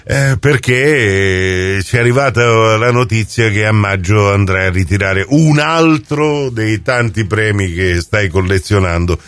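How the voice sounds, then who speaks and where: Lowish, dry-sounding male interviewer. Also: measured pace, few pauses, fairly bright tone, no room sound. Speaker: radio-style interviewer and host. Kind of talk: informal interview hosting.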